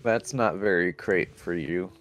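A man's voice: sits low, a little slow, fairly bright tone. A man co-hosting a let's play, sarcastically commenting and reading in-game text aloud. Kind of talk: casual gameplay commentary. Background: game music.

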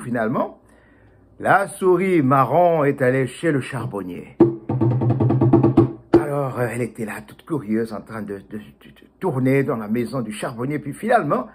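A man telling a children's story in a casual, halting way with many fillers. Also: mid-range voice, expressive, soft background music. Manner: hesitant, many fillers and repeats.

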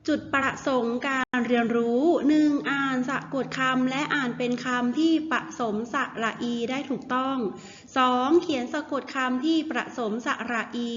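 A woman teacher giving a recorded lesson to young children, spelling words out sound by sound in a patient, deliberate drill. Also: high voice, fairly even intonation, a little hiss or hum. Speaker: primary school teacher. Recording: lo-fi with long reverb.

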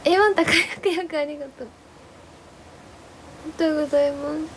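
A hoarse young woman chatting casually on a live stream, bubbly and playful as she thanks viewers for gifts. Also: high-pitched, steady tone, slight background noise, rough recording. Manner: playful exclamations and cute drawn-out reactions. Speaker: live streamer, former idol.

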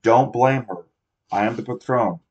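A man's voice: medium pitch, a little slow, a little mellow, distant mic, lightly acted. A man reading as an earnest, insistent teen boy. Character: young teenage boy who insists he is in charge. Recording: dull lo-fi recording.

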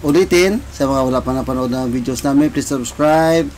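A man's voice: medium pitch, brisk, darkish tone, a little hiss or hum. A young man with a Filipino accent chatting casually as co-host of a home vlog. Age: young adult. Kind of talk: casual chat in Taglish. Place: small bedroom.

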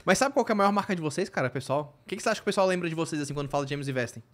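A man's voice: a little high, animated, rapid-fire, a bit bright. A man with a Brazilian accent, a guest on a podcast, asking curious questions in a chatty casual conversation.

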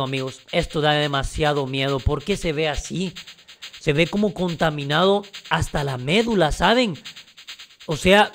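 A man giving excited gameplay commentary, with frequent dramatic, startled shouts. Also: on the high side, a little hiss or hum. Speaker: gaming YouTuber.

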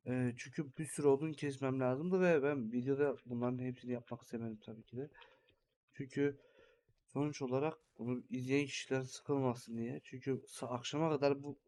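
A man's voice: mid-range voice, darkish tone. A young man hosting a gaming channel, giving rambling, think-aloud commentary while he builds in a farming game.

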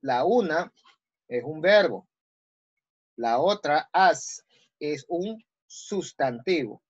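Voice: mid-range voice, lively intonation, extremely slow, breathy edge, no room sound, dull audio. A teacher with an Ecuadorian Spanish accent explaining a language lesson step by step, often checking with "¿sí?". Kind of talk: recorded online class.

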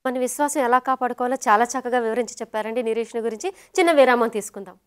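A woman hosting a Bible study discussion in a high, clear voice. She reads scripture in a slow, measured way and nudges the talk along with brief affirmations. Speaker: host.

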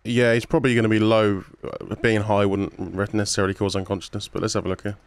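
A man role-playing a paramedic in a game, talking through procedures calmly and reassuring the patient. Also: fairly low pitch, quick pace, no echo. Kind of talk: improvised emergency role-play.

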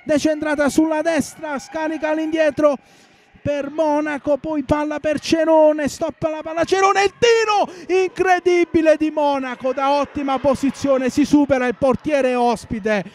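A male sports commentator calling a futsal match live in breathless, shouted goal commentary, repeating himself excitedly. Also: very high-pitched, measured pace. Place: indoor sports hall during a match. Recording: noisy sports hall ambience. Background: clear match noise.

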